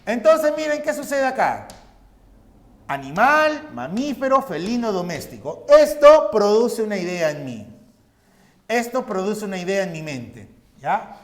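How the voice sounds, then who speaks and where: A man's voice: high-pitched, big pitch swings, measured pace. A male teacher giving a recorded class lecture, explaining step by step and asking his students questions that he then answers himself. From Peru.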